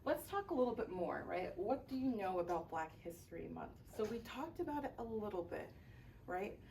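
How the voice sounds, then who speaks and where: A woman's voice: mid-range voice, big pitch swings, normal speed, gravelly, a little mellow. Woman, teacher from Miami, classroom presentation, frequent "right?", distant mic, faint noise. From Miami, Florida, United States. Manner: tags sentences with "right?" to check in with the audience.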